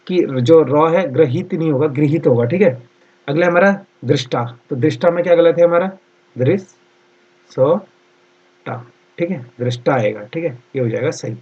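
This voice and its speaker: Husky-voiced man teaching a class. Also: on the high side, darkish tone, lo-fi sound. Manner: repeats answers slowly, frequent "theek hai" fillers. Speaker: exam-prep Hindi teacher. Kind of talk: online class lecture.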